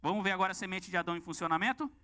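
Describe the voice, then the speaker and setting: A Brazilian Portuguese preacher with a bright, high voice, delivering a sermon in a church. He talks in a lively way and keeps turning to the congregation with questions. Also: rapid-fire, clear, resonant tone.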